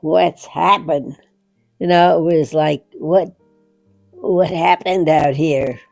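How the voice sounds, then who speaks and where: A very old American woman, about a hundred, reminiscing off the cuff in halting short phrases. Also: low voice, steady tone, gravelly, a little mellow, dry recording, faint music behind. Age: very old, about 100. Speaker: interviewee recalling wartime memories. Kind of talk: unscripted reminiscence.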